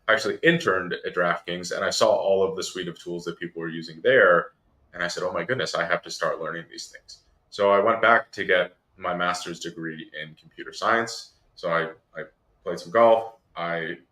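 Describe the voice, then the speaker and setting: A man's voice: sits low, sharp tone. A man giving conversational, explanatory interview answers as a podcast guest, in long structured stretches. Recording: roomy, echoey sound.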